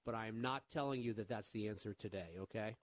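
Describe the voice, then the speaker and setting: A man's voice: on the low side, fast, no echo. A man hosting a call-in radio show and giving financial advice, earnest, often repeating words as he starts a sentence.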